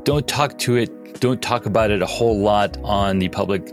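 A man's voice: lowish voice, normal speed, faint music behind. A man from Pakistan, a podcast guest, talking casually with many fillers and restarts. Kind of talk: casual interview talk.

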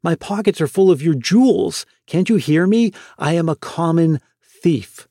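A broken young thief confessing to his mother, halting and anguished, voiced by a male narrator. The sound is dry and close, a little high. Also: lively intonation, mellow, dry recording. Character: ashamed grown son, a broken young thief.

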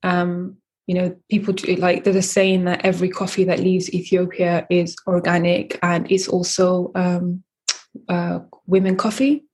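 Her voice is lowish, monotone, darkish, and a bit rough as this Eritrean woman, founder of a coffee company, answers interview questions. She is measured, though full of fillers and restarts.

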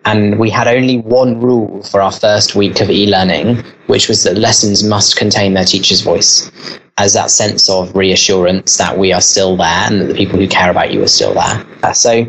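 A man's voice: lowish voice, moderate pace, a bit bright, husky, poor audio. A man who leads a school answers interview questions, talking earnestly and at length. He explains things in full, with the odd "um" and restart as he goes. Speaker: school leader.

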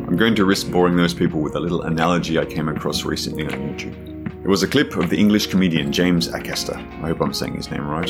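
A man hosting a podcast, thanking his guests and reading a measured closing monologue. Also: very deep voice. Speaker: podcast host. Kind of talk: conversational podcast interview and scripted outro.

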